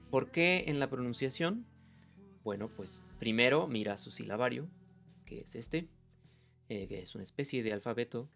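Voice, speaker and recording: A man hosting a video lesson who explains step by step, says sounds aloud as examples and fills pauses with "eh". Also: medium pitch, gravelly. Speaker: language teacher and video host.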